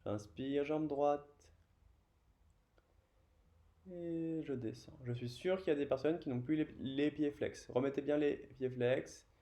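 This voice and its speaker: Calm French male yoga instructor, unhurried delivery, warm dark timbre. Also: a little high. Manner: slow, calm cueing of breath and movement. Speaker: yoga teacher. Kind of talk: guided yoga class instruction.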